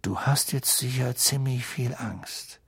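A man voicing a worried, kindly middle-aged father who speaks hushed and earnest in an audiobook. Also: medium pitch, takes it slowly, gravelly, breathy edge, no room sound, studio quality, full character voice.

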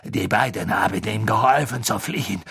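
A man reading an audiobook, voicing an enraged male teacher who shouts in a high, strained voice. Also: moderate pace, gravelly, husky, no room sound, heavily acted. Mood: furious. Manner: shouting, spitting rage. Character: furious sneering male potions teacher.

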